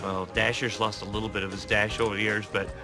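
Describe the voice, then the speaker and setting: A man's voice: lowish voice, little pitch movement, fast, lightly acted. An actor playing a playful older man who runs a Santa's workshop, whimsical and upbeat, in a TV movie. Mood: cheerful. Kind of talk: TV movie acting. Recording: film audio with music score.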